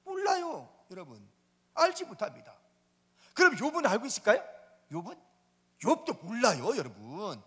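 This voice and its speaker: A man preaches in a high voice that swoops up and down with great animation, dramatic and emphatic as he acts out scripture and calls to the congregation. His voice is husky, and a long reverb trails behind it in the church hall. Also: wildly swooping pitch, normal speed, long pauses, fairly bright tone. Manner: dramatic, voices God and Job in turn, addresses the congregation as 여러분. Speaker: pastor. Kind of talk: sermon. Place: church sanctuary.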